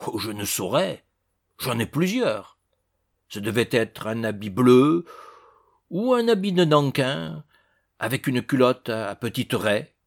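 A man's voice: medium pitch, sing-song, slow, gravelly, long pauses, heavily acted. A man voicing a male bandit under questioning, answering evasively and defensively.

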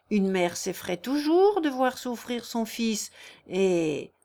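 A woman's voice: fairly high pitch, darkish tone. A woman voicing an earnest young male lawyer who pleads tenderly and solemnly in a read-aloud novel.

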